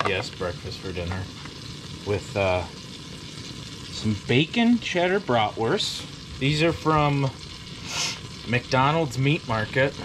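Out of breath, a man with a fairly low voice vlogs on an action camera in snowy woods as he hauls hunting gear and cooks. He rambles easily and talks to his dog, with heavy background noise throughout.

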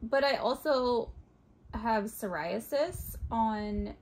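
A young woman chatting candidly and relaxed with her best friend while her makeup is done. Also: on the high side, slow. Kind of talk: casual chat.

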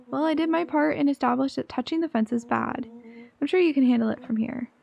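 Cocky boy sidekick, read by a woman, teasing, high and gravelly. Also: a little fast, a little mellow, dull audio. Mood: smug. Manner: smug, teasing. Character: cocky boastful boy adventurer.

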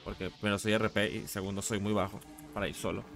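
A game streamer with a Latin American Spanish accent chats casually on a live stream, informal and slangy with some casual swearing. His lowish, gravelly voice comes fast and flat over music.

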